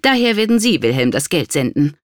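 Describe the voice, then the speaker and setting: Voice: very animated, brisk, dry recording, clean studio sound, natural voice. A narrator voicing a cruel, scheming noble lady who whispers in rage and snaps shrilly at her husband. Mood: imperious. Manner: hissing whispers and shrill outbursts.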